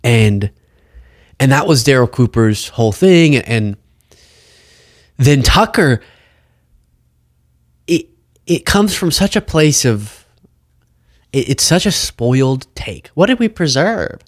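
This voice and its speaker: A man's voice: medium pitch, very animated, slow pace, pauses often, no room sound, studio quality. A man hosting a political commentary show, talking casually and sarcastically as he reacts to clips. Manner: sarcastic, mocking impressions.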